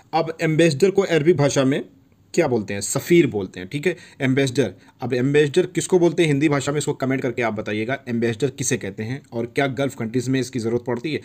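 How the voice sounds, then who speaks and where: Speaking at a medium pitch with a slightly mellow tone, this man teaches vocabulary in an informal video lesson. He repeats every word and keeps asking "theek hai" to check in.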